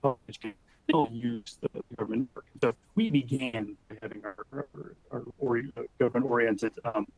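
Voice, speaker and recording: Male panel guest, mid-pitched, very dry close sound, corrupted video-call audio that keeps dropping out, halting delivery. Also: a little mellow, dry recording, rough recording. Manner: halting, many fillers and restarts. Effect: corrupted audio that keeps cutting out.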